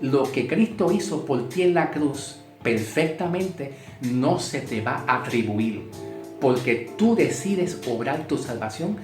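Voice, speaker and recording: A man's voice: mid-range voice, animated, slow. A man teaching a Bible sermon, emphatic, repeating key words and asking rhetorical questions. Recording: echoey room with guitar music. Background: guitar music.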